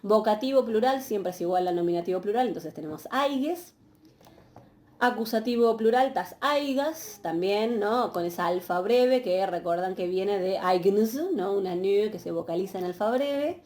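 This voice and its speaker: Woman teaching a class, mellow warm voice, patient, lots of ums and checking in. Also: medium pitch, normal speed. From Argentina. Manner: patient, explanatory, frequent checking questions and fillers. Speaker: university Greek teacher. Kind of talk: recorded online lecture.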